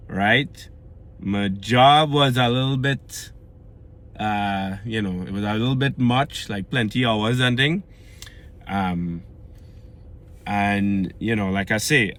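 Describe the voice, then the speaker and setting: A man from Trinidad and Tobago speaks slowly and expressively, his medium-pitched voice a bit bright and his accent Trinidadian. In a casual fitness vlog he earnestly explains how to lose weight and keep it off, repeatedly checking in with "right?".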